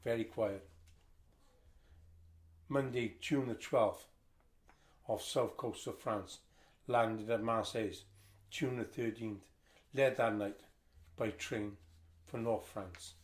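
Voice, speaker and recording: A man's voice: lowish voice, fairly even intonation, slow, pauses often. Older man reading a family memoir. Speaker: family history reader.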